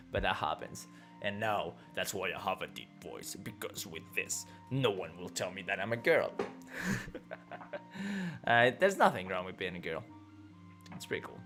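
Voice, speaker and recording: A young man with a fairly low, slightly bright voice hosts a casual livestream, reading chat. He rambles loosely, laughs often and swears while answering.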